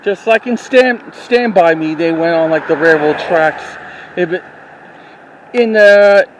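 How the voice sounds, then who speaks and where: High-voiced man rambling on a street walk. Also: background noise. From New York City. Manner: rambling, halting, with frequent restarts. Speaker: vlogger. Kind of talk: casual walking-tour narration. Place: outdoors on a town street. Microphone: handheld camera while walking.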